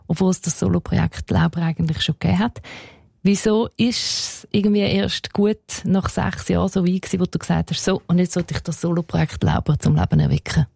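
A Swiss German woman hosts a radio interview in a relaxed, conversational dialect. Her voice sits fairly low and sounds mellow, recorded close and dry in a studio. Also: creaky, husky, dry recording. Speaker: radio host.

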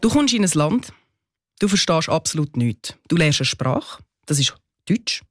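A man's voice: on the high side, sing-song, measured pace, loud music behind the voice. A male radio host with a Swiss German accent, asking curious questions. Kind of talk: radio chat.

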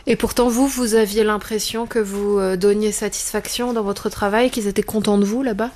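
Mellow-voiced woman reporter. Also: medium pitch, steady tone. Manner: measured, clear and composed. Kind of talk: news report narration and interview questions.

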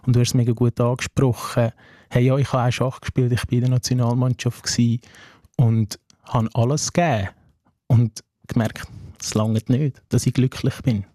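A young man who grew up in Switzerland after coming from Afghanistan, speaking with a Swiss German accent as an interview guest, earnest and measured, often breaking in with "hey" asides. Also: mid-range voice, flat delivery, mellow, no room sound, studio quality. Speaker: social worker, interview guest. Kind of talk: reflective interview talk.

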